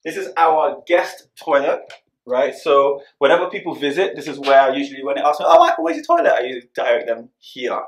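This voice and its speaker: A man's voice: medium pitch, steady tone, fairly quick, over music. Playful young man touring his home. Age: 20s. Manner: playful, hyped, joking with the viewers. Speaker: vlogger giving a house tour. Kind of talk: casual chat.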